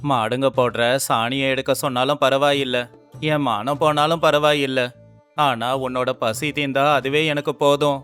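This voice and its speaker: A man's voice: medium pitch, fairly even intonation, moderate pace, a bit bright, clear, resonant tone, lightly acted. A man voicing a poor village laborer husband in a storybook cartoon, pleading and full of self-reproach, with faint music underneath. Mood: resolute. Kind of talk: storybook character voice.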